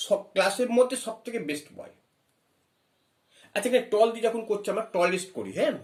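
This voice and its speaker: A man's voice: high voice, echoey room. A man teaching an English grammar lesson, explaining step by step, asking questions and spelling words letter by letter. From West Bengal. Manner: reads English phrases slowly.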